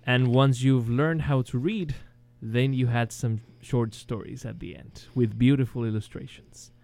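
A man's voice: medium pitch, fairly even intonation, measured pace, creaky. A man from Chile with a Chilean Spanish accent, a guest speaking English as a second language in an interview over a video call, with many ums and restarts. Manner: hesitant, many ums and restarts, chuckles softly. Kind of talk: interview, casual chat.

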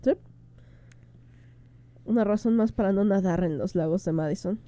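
A woman co-hosting a radio show, chatting in a relaxed way and introducing segments. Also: mid-range voice, normal speed. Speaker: radio co-host. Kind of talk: conversational radio talk.

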